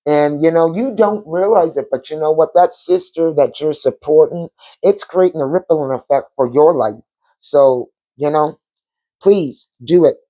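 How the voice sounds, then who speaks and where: Unhurried and mellow, her low voice carries a casual spiritual vlog she hosts from her home couch. She speaks with heartfelt sincerity, repeating words to underline them.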